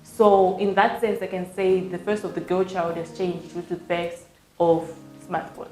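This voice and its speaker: A young woman in her late teens gives her view on a panel, earnest and careful with a few fillers. Her voice sits a bit low, and the room adds a clear echo. Faint music plays underneath. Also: flat delivery, normal speed, a little mellow. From Zimbabwe. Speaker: panel guest. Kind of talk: panel discussion. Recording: roomy echo.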